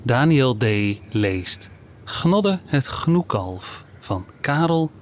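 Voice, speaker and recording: A man slowly introducing the day's reading as host, with deliberate announcing. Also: mid-range voice, very animated, a little hiss or hum. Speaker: podcast host. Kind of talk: spoken introduction.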